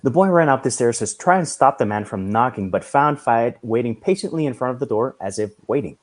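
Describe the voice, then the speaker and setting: A man reading a story aloud in a measured storytelling manner. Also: mid-range voice, expressive. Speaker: reader.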